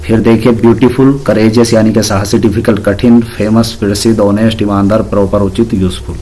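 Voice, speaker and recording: A man's voice: on the low side, fairly even intonation, brisk, mellow, a little hiss or hum. A man teaching an English grammar lesson, patiently explaining rules and spelling words out letter by letter.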